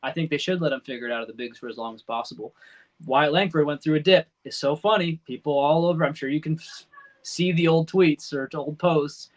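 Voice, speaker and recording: A man co-hosting a casual fantasy baseball podcast, chatty and quick to joke. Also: fairly high pitch. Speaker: podcast co-host.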